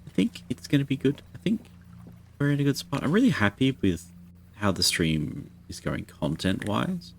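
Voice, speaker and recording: A man's voice: mid-range voice, very animated, normal speed, vocal fry, a little hiss or hum. A man streaming a video game live, chatting casually and rambling to his viewers. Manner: rambling, chatty, self-deprecating.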